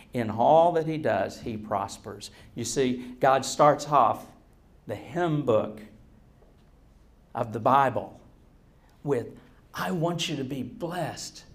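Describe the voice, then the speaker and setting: Male preacher, slightly high-pitched and slow, folksy and joking, leaning on key phrases with deliberate pauses. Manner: folksy, joking, self-deprecating. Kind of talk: sermon to a congregation.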